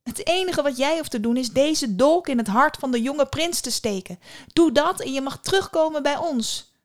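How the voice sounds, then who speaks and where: Storybook figure: eldest mermaid sister, high and pleading, put on by a woman narrator. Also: animated, moderate pace. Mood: urgent.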